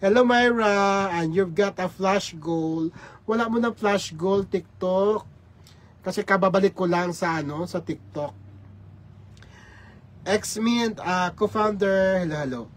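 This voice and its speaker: A man's voice: sits high, slow pace. A man hosting a casual livestream, greeting viewers by name with repeated hellos. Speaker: livestream host.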